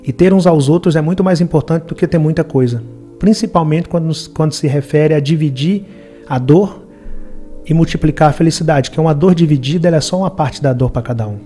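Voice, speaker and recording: Earnest Brazilian man with a mellow voice. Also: fairly high pitch, fairly quick, faint music behind. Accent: Brazilian Portuguese, Minas Gerais. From Minas Gerais, Brazil. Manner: earnest, reflective storytelling. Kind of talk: personal storytelling in an interview.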